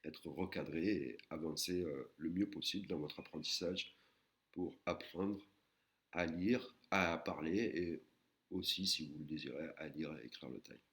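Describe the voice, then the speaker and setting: A man teaching a recorded language lesson, patiently explaining and sounding out words slowly, syllable by syllable. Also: very deep voice, a bit bright. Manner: slow, careful, syllable-by-syllable pronunciation of Thai words.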